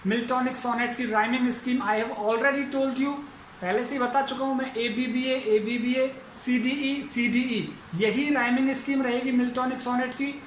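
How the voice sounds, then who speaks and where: A man's voice: extremely high pitch, fairly even intonation, moderate pace, reverberant, slight background noise, rough recording. A man teaching an English lesson, going through it methodically and repeating each step aloud. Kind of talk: explaining a lesson.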